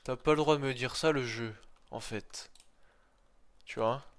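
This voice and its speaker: A man's voice: medium pitch, measured pace, clear, resonant tone. A young man chatting casually while playing a modded game, swearing at it and dropping joking English phrases. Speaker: gaming YouTuber. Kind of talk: casual gameplay chat.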